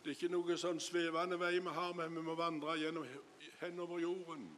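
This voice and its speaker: In a lay preacher's sermon testimony, a man with a fairly high, flat, slightly bright voice retells another man's story, often stepping aside to note what that man said. Hall reverb and faint room noise color the recording.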